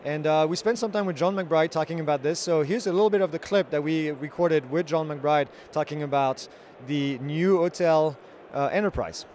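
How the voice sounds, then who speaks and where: A man's voice: fairly high pitch, normal speed, a little mellow, slight background noise. A man in his thirties hosting drone news, reporting from a large convention hall into a handheld mic. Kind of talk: trade show report.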